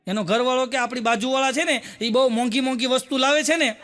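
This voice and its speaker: A man's voice: extremely high pitch, fast, heavy background noise. A man from Gujarat, telling jokes on stage and acting out the people in his stories. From Gujarat, India. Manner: animated storyteller, acts out characters' lines. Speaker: comedian. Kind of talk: stand-up joke telling. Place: stage before a live audience.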